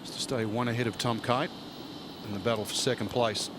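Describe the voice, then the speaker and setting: A man's voice: medium pitch, fairly even intonation, fairly quick. A man giving conversational commentary on a golf tournament as a commentator. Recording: outdoor broadcast, clear ambient noise.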